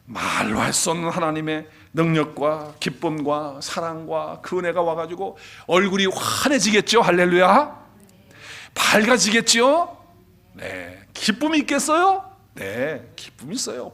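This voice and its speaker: A man preaching a Sunday sermon as pastor, asking the congregation questions and moving between loud declarations and soft, near-whispered asides. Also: fairly high pitch, lively intonation, normal speed, vocal fry. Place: church sanctuary.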